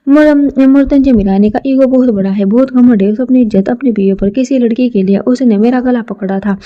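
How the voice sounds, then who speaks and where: A woman's voice: fairly high pitch, brisk, lo-fi sound, lightly acted. A woman voicing a scheming middle-aged man who gloats on the phone. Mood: smug.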